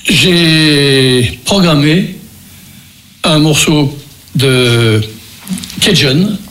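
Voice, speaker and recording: An older man with a Beaujolais accent hosts a local radio music show. His voice sits a bit high, and he talks in a meandering way, stopping and starting again often. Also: normal speed, a bit bright, a little hiss or hum. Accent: French from Beaujolais. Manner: rambling, hesitant, many restarts and fillers. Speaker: radio host.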